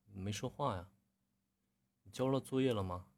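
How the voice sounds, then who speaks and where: Low husky male voice coach. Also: normal speed. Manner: frequent throat clearing, relaxed corrective tone. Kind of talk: live-stream critique of students' readings.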